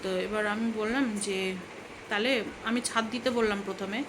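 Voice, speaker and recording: In a noisy phone recording made in a home room with fans running, a vlogger from Bengal in her thirties chats and rambles casually, pausing now and then to soothe a toddler. Her mid-range voice keeps a steady tone at a moderate pace.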